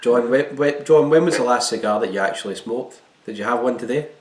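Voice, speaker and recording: A man's voice: medium pitch, fairly quick. A Scottish man chatting eagerly as a co-host, his voice on a glitchy connection that keeps cutting out. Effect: audio cutting out, glitchy connection. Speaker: co-host of an online chat. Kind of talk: casual interview chat. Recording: roomy, distant, breaking-up call audio.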